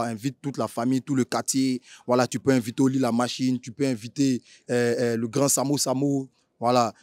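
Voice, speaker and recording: A man with an Ivorian accent hosts an informal interview, chatting in street slang, often rephrasing his questions and repeating filler tags. His mid-range voice comes through clean studio sound with no echo.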